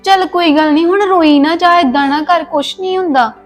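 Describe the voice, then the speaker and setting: A woman's voice: extremely high pitch, fairly quick, faint music behind. A woman playing a caring Punjabi elder sister. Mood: consoling. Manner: consoling, scolding gently, homely. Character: caring young woman comforting her sister. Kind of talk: Punjabi family drama acting.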